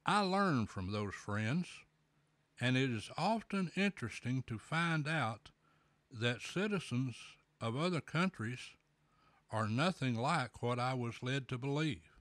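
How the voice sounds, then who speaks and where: A man with a pipe clenched in his mouth, speaking at an unhurried, drawn-out pace in a folksy, plainspoken manner. His voice sits at an ordinary middle pitch. It is recorded close and dry, with no room sound. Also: lively intonation, fairly bright tone, no echo. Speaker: podcast host. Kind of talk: casual solo talk.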